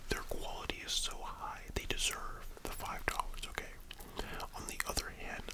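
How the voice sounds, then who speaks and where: Breathy asmr library whisper, casual rambling opinions, all hushed and unvoiced. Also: low-quality recording. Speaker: ASMR video host.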